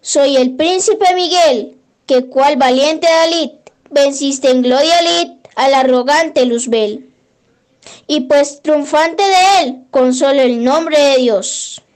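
Reciting a prayer, this woman speaks with a light, high-pitched voice and an unhurried pace verse by verse. She sounds devotional and measured, like someone reading out a litany in a steady cadence.

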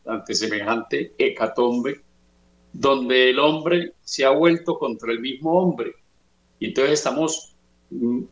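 A man giving an earnest religious talk, slow and emphatic, retelling scripture stories. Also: medium pitch. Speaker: speaker on family and faith. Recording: roomy echo.

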